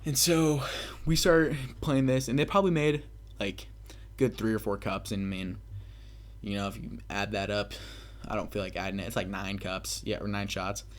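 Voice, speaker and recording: This young adult man has a lowish voice and talks at a normal speed. As a gaming commentator, he tells a loose, rambling party story over gameplay, swearing freely with self-mocking bravado.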